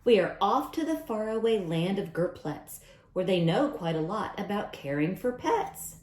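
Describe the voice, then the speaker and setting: At a children's storytime, a woman reads aloud in a sing-song way, often asking questions and repeating lines. Her mid-range, darkish voice swings widely in pitch at a moderate pace, and the sound is roomy and echoing.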